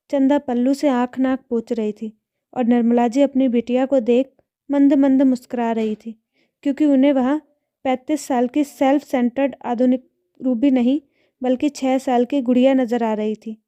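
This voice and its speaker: A woman storyteller reading a scripted story aloud in a steady, expressive way. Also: sits high, moderate pace.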